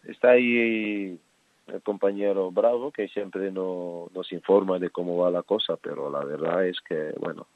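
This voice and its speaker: A middle-aged Dutch man, once a footballer and now a coach, is a guest on a radio interview, speaking in a low voice. He sounds relaxed but halting, full of fillers and restarts. The audio comes over a tinny phone line with no echo.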